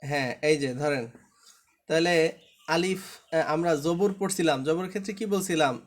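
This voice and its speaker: A man's voice: on the high side, moderate pace. A man teaching a Quran reading class online, patiently drilling letter sounds and asking the class to check understanding.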